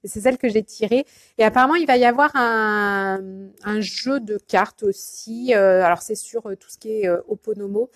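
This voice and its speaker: A woman's voice: mid-range voice, normal speed, no echo. A woman coach chatting casually in a live video, hesitant and full of fillers and restarts, greeting viewers by name. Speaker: life coach.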